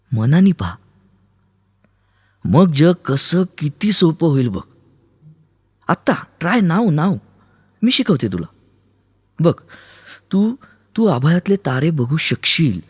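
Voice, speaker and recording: A man's voice: fairly high pitch, darkish tone, breathy edge, voice pushed up, exaggerated voice. Kaumudi, an eager young woman, as a man puts her on. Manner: coaxing, patient teaching tone. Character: young woman, calm then excited guide.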